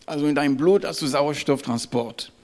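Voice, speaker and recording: A man preaching a sermon to his congregation, emphatic and halting, often checking in with "ja?" and "Amen". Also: a little high, a little mellow. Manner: halting, with restarts and fillers.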